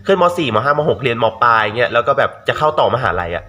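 A young man talking casually in a blunt, animated vlog rant, swearing freely. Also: medium pitch, fast.

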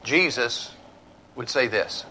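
A middle-aged man preaching a church sermon, building to emphatic points and dropping to a hushed altar call. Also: mid-range voice, animated, takes it slowly, slight background noise, poor audio. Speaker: pastor. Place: church sanctuary.

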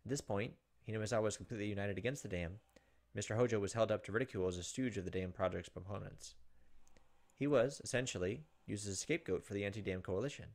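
Speaking fast with a lowish pitch and noticeable vocal fry, a thirty-something man narrates a visual novel as a let's play host. His delivery mixes dramatic reading with casual asides, and soft game music runs in the background.

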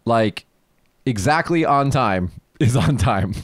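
A man's voice: mid-range voice, animated, takes it slowly, no room sound, studio quality. A man co-hosting a casual chat show, explaining things to listeners and laughing often. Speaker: podcast co-host.

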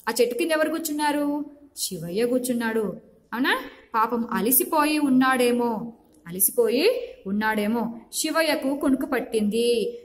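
A woman teacher, telling a story to children and repeatedly quizzing them. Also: on the high side. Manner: repeats lines and quizzes pupils.

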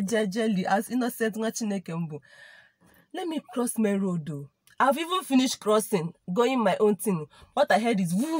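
A woman's voice: mid-range voice, dry recording. A young woman with a Nigerian English accent, telling a story to camera in a casual vlog and dropping in Igbo and Pidgin expressions. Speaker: vlogger.

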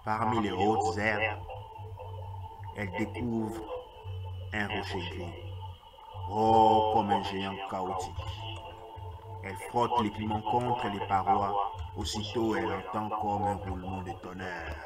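A man, a radio host who reads a story aloud in a slow, deliberate way and sometimes stops to restart a phrase. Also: fairly low pitch, flat delivery, over loud music. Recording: loud hiss, radio broadcast.

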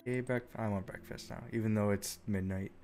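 A man's voice: fairly low pitch, fairly even intonation, a little fast, darkish tone, soft background music. A man giving casual live commentary as he streams a game, in offhand asides to himself.

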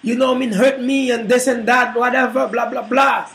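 A man voicing a heartbroken woman who shouts and curses at a suitor she is fighting off. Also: very high-pitched, flat delivery, normal speed, creaky, roomy sound, full character voice. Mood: furious. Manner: shouting, cursing, defiant.

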